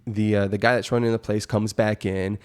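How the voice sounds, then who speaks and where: A man with a fairly low voice tells a personal story in an informal, conversational way. He rambles and hesitates, padding his sentences with filler words as he feels his way along. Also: flat delivery, fairly quick, clear, resonant tone. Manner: rambling and hesitant, with frequent 'like' and 'you know'. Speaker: amateur stand-up comedian telling of a first open mic. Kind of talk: casual first-person storytelling.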